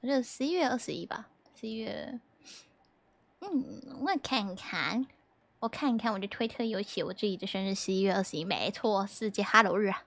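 A woman's voice: mid-range voice, animated, moderate pace, fairly bright tone. A young woman livestreamer chatting casually and playfully with her viewers, giggling often and reading their messages aloud from a desk mic at home.

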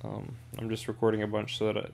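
A man's voice: fairly low pitch, completely flat delivery, fast talker, vocal fry, darkish tone, slight background noise. A man giving casual gameplay commentary, rambling with dry sarcastic asides. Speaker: gaming video creator.

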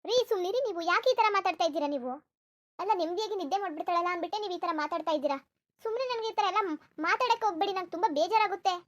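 A woman voicing a lazy, sleepy young wife in a cartoon, complaining and stubbornly refusing to get up. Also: very high voice. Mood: whiny. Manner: complaining, stubborn, rapid-fire. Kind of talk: cartoon voice acting.

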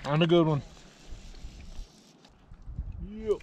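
A man's voice: fairly high pitch, drawn-out words. A man narrating casually to viewers while fly fishing from a kick boat on a lake, recorded on a boat-mounted action camera. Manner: relaxed, talks to viewers between casts. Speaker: fishing vlogger. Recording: dull lo-fi sound with loud wind noise. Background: wind and water.

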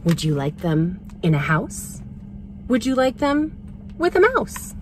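A persistent storybook pest coaxes in sing-song rhymed questions, as read out by a woman. His pitch bounces around a great deal, and light vehicle cabin noise is audible. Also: very animated, slow. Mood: eager coaxing. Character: persistent, coaxing male food pusher in a storybook. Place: inside a parked vehicle.

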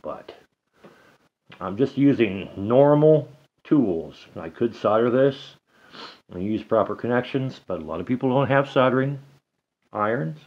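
At a table indoors at home, a man casually explains an antenna build while he works, chatting to himself and to the radio. His mid-range voice is animated, with a measured pace and long pauses, and the recording has its highs cut off.

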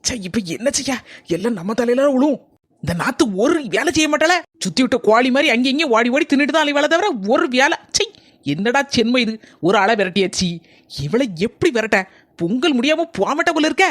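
A woman's voice: sits high, lively intonation, fairly quick, no echo. A woman with a Kanyakumari Tamil accent voicing a lazy, scheming young daughter-in-law in a cartoon. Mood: grumbling. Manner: complaining, sly, dramatic. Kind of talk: cartoon voice acting.

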